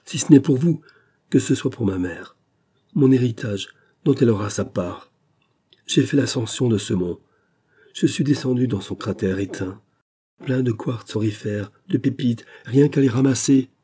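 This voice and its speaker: A man's voice: medium pitch, normal speed, warm tone, slightly rough, close to an everyday voice. A man voicing a dying young prospector who pleads urgently in a weakening voice. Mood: feverish insistence. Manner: weak, urgent, rising to fevered pleading. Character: dying young male prospector, feverish and insistent.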